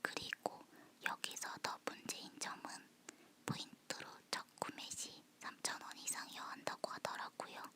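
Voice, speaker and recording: A woman chatting in a soft, close ASMR whisper, as if leaning in to the listener. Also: normal speed. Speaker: ASMR host. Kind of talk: whispered ASMR personal chat.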